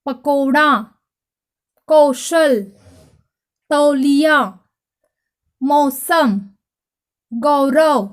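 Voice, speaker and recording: A woman teacher gives a grammar lesson to young children in a high voice. She speaks very slowly and patiently. She spells each word out letter by letter and calls the finished word out with a loud stress, asking her pupils to say it after her. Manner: addresses children directly, asking them to repeat. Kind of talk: slow, clear Hindi grammar lesson for children.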